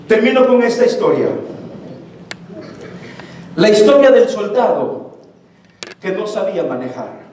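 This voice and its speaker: A man's voice: extremely high pitch, a little mellow. A man preaching a fervent sermon as pastor and then leading the congregation in prayer. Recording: very echoey church hall, from far off.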